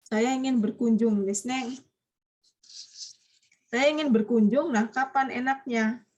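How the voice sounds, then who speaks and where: Lady teacher going over japanese vocab, quizzes the class, kinda high voice. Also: fairly even intonation, unhurried, darkish tone, highs cut off. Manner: chatty, quizzing students, frequent light laughs. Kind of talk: online vocabulary lesson.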